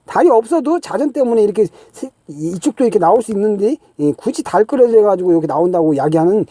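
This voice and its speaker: Here the middle-aged host talks fast in a high voice with lively intonation and a dark tone, captured without room sound. His explanation rambles and drips with exasperation and scoffing, full of "ye" fillers and "huh?"-style "eung?" checks.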